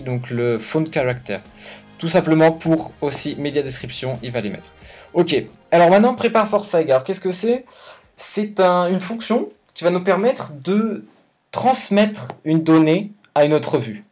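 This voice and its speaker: A man's voice: on the high side, lively intonation, normal speed, darkish tone, soft background music. A man hosting a casual coding tutorial, thinking aloud with hesitations and self-corrections in an informal, slangy way. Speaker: YouTube tutorial host.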